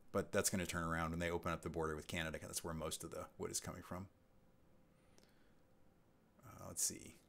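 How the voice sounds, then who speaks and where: A man's voice: sits low, fairly bright tone. A man hosting a casual live stream, reading out chat questions and answering in a rambling way with many ums and restarts. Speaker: livestream host.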